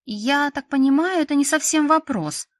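A woman narrator plays a cheeky young teacher, bold even when nervous, her lines pitched higher and pushed louder with eager excitement. The sound is close and dry. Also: normal speed, dry recording.

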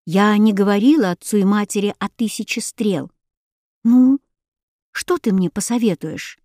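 A woman's voice: medium pitch, a little slow, dark tone, dry recording, clean studio sound, lightly acted. A woman voicing a thoughtful young princess who asks her hedgehog for advice, read aloud from a storybook. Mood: pensive. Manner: pensive, questioning.

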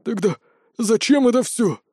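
A man's voice: very high voice, lively intonation, moderate pace, darkish tone, slightly rough, no room sound, studio quality, voice pushed up, exaggerated voice. Man doing a panicky, pleading beetle-lord villain. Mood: begging. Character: terrified male villain, lord of beetles, begging. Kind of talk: audiobook character voice.

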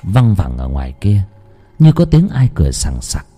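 A man's voice: sits low, huge pitch swings, normal speed, warm tone, soft background music. A man narrating a ghost story in a dramatic, suspenseful way. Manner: dramatic, suspenseful, wide-ranging delivery.

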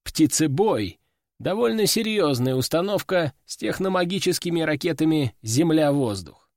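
A man narrating an audiobook in the first person, lively storytelling. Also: a little high, moderate pace, no echo, clean studio sound. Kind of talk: scripted narration.

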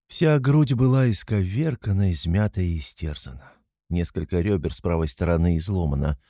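A man narrating a classic novel in a steady, measured reading voice. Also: sits low, no echo, clean studio sound. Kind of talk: audiobook reading of classic fiction.

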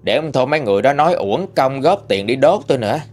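A man voicing the sad, hungry ghost of an old woman who pleads in a low, mournful way. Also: lively intonation, fast, darkish tone, close to an everyday voice. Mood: mournful pleading.

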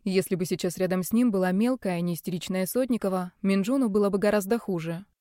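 A woman narrating an audiobook in a steady, expressive reading. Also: mid-range voice, quick pace, dry recording, studio quality. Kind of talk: scripted narration.

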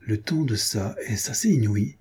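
A man's voice: mid-range voice, unhurried, mellow, husky. A man voicing a grief-stricken male painter, obsessive and volatile, with a feverish, exclamatory way of speaking. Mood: rapt, murmuring.

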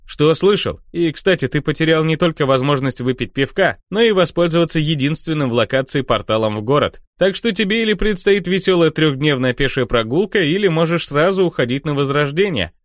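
A man voicing a brash, loud young male herald player in an audiobook, cheeky and taunting, with rapid patter. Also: a little high, lively intonation, no room sound, studio quality, voice pushed up, close to an everyday voice. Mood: smug.

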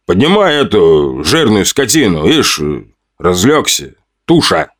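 Man playing a gruff trader, shouting, rough, low voice, lively delivery. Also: measured pace. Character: gruff scared male trader.

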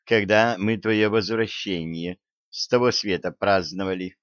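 A man voicing a stern, sharp-tongued tsaritsa who mocks and scolds. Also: lowish voice, a little slow, no room sound, lightly acted. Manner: stern, mocking. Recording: dull lo-fi dry recording.

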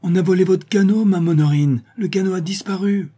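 A man's voice: medium pitch, normal speed, breathy edge, natural voice. A man reading an audiobook and voicing an agitated, breathless sailor who has been drinking. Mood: alarmed. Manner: agitated, excited, raised voice. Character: breathless tipsy old sailor.

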